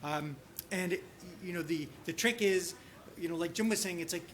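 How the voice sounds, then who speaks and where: A man presenting at a conference workshop thinks aloud through a case, halting often with restarts and heavy use of "you know". His voice is a little high for a man and fairly bright, with a faint hiss of noise underneath.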